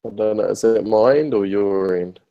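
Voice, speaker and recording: A man's voice: on the low side, normal speed, warm tone, highs cut off. A man on a crackly, fading call line. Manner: hesitant, many fillers and restarts. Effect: call line breaking up and fading in and out. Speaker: interviewee, hospitality software founder. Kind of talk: casual remote interview. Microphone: remote call line.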